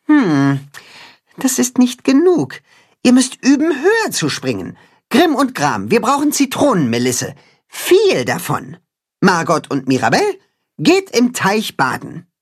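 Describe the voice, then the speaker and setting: A man's voice: sits high, wildly swooping pitch, voice pushed up, full character voice. A man doing a bossy, clever cat-hen leader. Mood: commanding. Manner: brisk, commanding.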